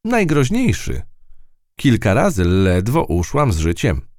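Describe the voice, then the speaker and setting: A man's voice: on the low side, wildly swooping pitch, measured pace, a little mellow, no room sound, clean studio sound, pitched above the performer's own voice. A man voicing a timid, polite little female house mouse in a storybook reading.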